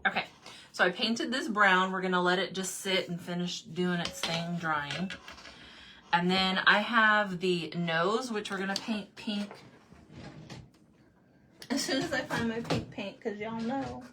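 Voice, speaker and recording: A woman's voice: mid-range voice, measured pace, background noise. A woman hosting a craft livestream, chatting casually while she paints and answering viewer comments in loose, laughing asides. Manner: laughs often, talks in loose run-on asides.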